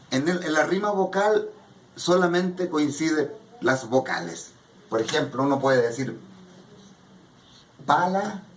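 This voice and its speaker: A man's voice: mid-range voice, a little hiss or hum. A man teaching a poetry workshop in a classroom, explaining patiently and often checking that students follow. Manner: patient, keeps checking understanding with "¿ya?". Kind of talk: classroom lecture. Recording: echoey room from a distant mic.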